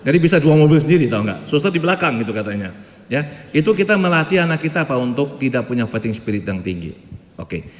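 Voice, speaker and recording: Animated joking man in a reverberant hall. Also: mid-range voice, quick pace, slight background noise. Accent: Indonesian. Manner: lively, joking, animated storytelling. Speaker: moderator. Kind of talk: public talk on parenting.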